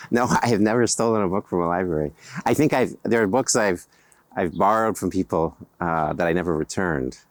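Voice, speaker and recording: In a dry recording, an American writer of middle age responds to an interviewer in a measured, hesitant way, pausing and using fillers often. His voice is low-pitched.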